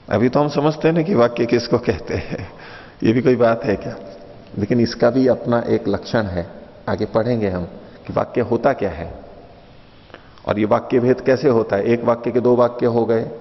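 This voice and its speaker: A man teaching philosophy in a patient lecture, repeating and rephrasing his points and asking the listeners questions. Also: mid-range voice. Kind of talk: explanatory lecture with stories. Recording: dull lo-fi recording in a reverberant hall.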